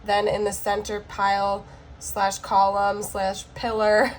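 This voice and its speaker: Recovering from the flu, a woman gives a chatty tarot card reading to camera, her hoarse voice cracking as she checks in often with "okay?". She speaks slowly and monotonously in a mid-range voice, and the rough recording has slight background noise.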